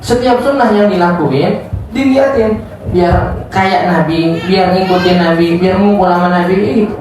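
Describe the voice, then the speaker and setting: A woman's voice: fairly low pitch, a little slow, background noise. A woman giving a casual religious study lesson, joking and acting out little dialogues as she teaches. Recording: echoey room, distant mic, faint ambience.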